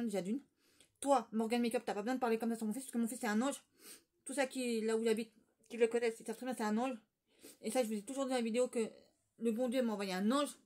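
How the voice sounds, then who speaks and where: A woman rattles off a gossipy storytime in a rush, her voice sitting a little high. She rambles and keeps restarting her sentences. It sounds like a casual vlog. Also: darkish tone. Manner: rambling, gossipy retelling with many fillers and restarts. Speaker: vlogger.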